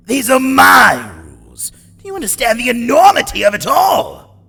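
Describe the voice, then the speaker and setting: A crazy cruel clown villain for a comic, drawn out and swooping all over, cackly, theatrical. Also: male voice, very high-pitched, big pitch swings, measured pace, creaky, sharp tone, husky, shouting, full character voice. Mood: ecstatic, unhinged. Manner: theatrical, cackling, swinging from shrieks to murmurs. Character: maniacal male clown supervillain, gleefully cruel, theatrical. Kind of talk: motion comic voice acting.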